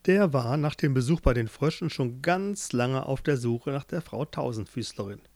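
A man narrating a fairy tale in a lively, playful way. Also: mid-range voice, moderate pace, no room sound. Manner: expressive, playful. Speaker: storyteller.

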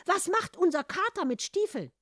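A woman's voice: big pitch swings, normal speed, fairly bright tone, dry recording, clean studio sound, heavily acted. A woman voicing an indignant, horrified peasant mother who scolds her son in a read-aloud fairy tale. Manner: shrill, indignant.

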